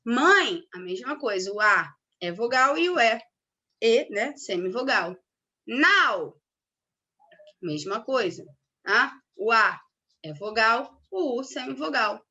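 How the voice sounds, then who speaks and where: Bright, lively woman teaching. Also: fairly high pitch, slow pace. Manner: explanatory, stressing key words, frequent "tá?" checks. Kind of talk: recorded grammar lesson.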